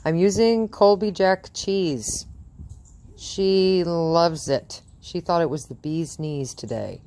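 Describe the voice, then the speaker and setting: A woman's voice: on the low side, slow, warm tone. A woman dog trainer chatting through a training session outdoors in front of a house, cooing praise at the dog and laughing often.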